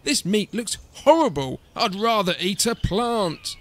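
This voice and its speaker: A man voicing a gentle misfit young male tyrannosaurus in a storybook, plaintive and hooting. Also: high-pitched, very animated, unhurried, pitched above the performer's own voice, full character voice. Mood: protesting.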